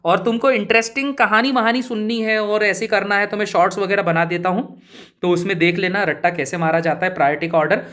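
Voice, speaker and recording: A man's voice: sits high, fairly even intonation, a little fast, bright, forceful tone. A man teaching chemistry in a casual, chatty way, asking his students questions and answering them himself. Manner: informal, keeps addressing listeners as brother and buddy. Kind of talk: casual spoken lesson.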